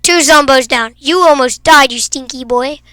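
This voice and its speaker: Bright, high-voiced young woman gamer. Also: moderate pace, dry recording. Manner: goofy and teasing, bursts into shouts. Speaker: gaming video creator. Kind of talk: playful gameplay commentary.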